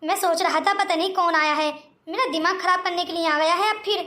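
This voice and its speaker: A woman's voice: very high voice, fairly even intonation, brisk, noisy background, pitched below the performer's own voice. A woman voicing a worried young man in a cartoon story, complaining and pleading with his friend. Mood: irritated. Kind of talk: cartoon voice acting.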